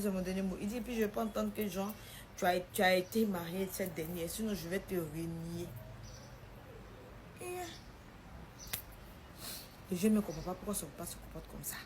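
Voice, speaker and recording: A young woman tells a personal story, acting out the quoted lines in a lively way. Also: mid-range voice, a little hiss or hum.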